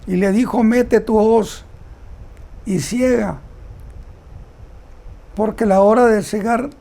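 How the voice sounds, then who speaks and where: A man giving a Bible teaching sermon, reading scripture aloud and commenting on it in a slow, deliberate way. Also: high voice, fairly even intonation, gravelly, warm tone. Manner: slow, deliberate delivery with repeated words. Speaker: preacher.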